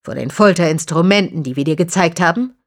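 A woman voicing a grave former priest and stern teacher in an audiobook, speaking slowly and solemnly. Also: lowish voice. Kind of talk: audiobook character reading.

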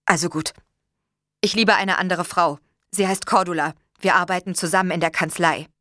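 Lady doing a worn-out guilty guy confessing, hesitant and quiet, deep-ish voice, dry audiobook sound. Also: steady tone, normal speed, no room sound, natural voice. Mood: subdued. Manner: hesitant, subdued. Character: weary, guilt-ridden man confessing an affair. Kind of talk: audiobook reading.

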